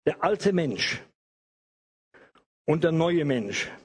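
A man's voice: a little high, sing-song, very slow, slightly rough. An older man preaching an evangelical sermon, emphatic, repeating phrases and stretching key words.

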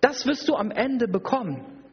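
Preaching at a church service, this man has a very high, slightly rough voice with a sing-song lilt at normal speed. His sermon is emphatic and repetitive, full of rhetorical questions, and the recording sounds dull in a reverberant hall.

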